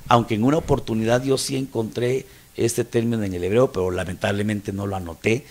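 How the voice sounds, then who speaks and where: A man's voice: medium pitch, creaky. A man with a Mexican Spanish accent, a pastor teaching a Bible study, explaining terms and checking that listeners follow.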